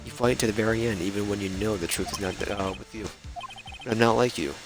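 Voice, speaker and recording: A man voicing an earnest, hesitant young male defense lawyer in a game, low-pitched over game music. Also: fast, lightly acted. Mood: earnest troubled. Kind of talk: reading game dialogue aloud.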